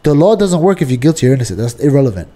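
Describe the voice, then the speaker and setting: A man in casual political chat, argumentative and animated, peppering his talk with fillers. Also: medium pitch, racing.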